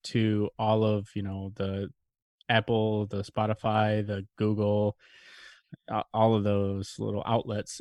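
A man's voice: lowish voice, darkish tone, dry recording, clean studio sound. A man co-hosting a podcast, telling stories in a chatty way and acting out quotes. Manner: upbeat storyteller, acts out quotes. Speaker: podcast co-host. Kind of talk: casual podcast chat.

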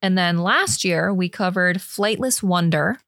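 A woman's voice: on the low side, a little slow, fairly bright tone, dry recording, clean studio sound. A woman hosting a podcast in an informal, self-deprecating way, moving between chat and reading from notes. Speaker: podcast host. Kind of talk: casual podcast talk about beer, partly read from notes.

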